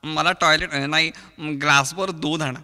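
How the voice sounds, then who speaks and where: A man's voice: a little high, steady tone, pushed and bright, big-room sound. Marathi man doing comic stage voices. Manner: switches quickly between impressions of film actors. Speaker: mimicry artist. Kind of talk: mimicry comedy sketch with many voices.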